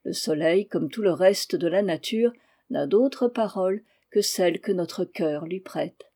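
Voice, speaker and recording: A woman reading a classic novel aloud in a calm, measured narration. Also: fairly low pitch, slightly rough. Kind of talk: audiobook narration.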